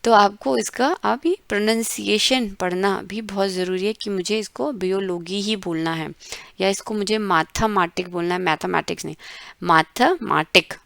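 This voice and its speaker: A woman from India teaching an online German lesson, breaking words into syllables and repeating them slowly. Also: mid-range voice, fairly even intonation, no room sound. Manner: slow, syllable-by-syllable pronunciation drills.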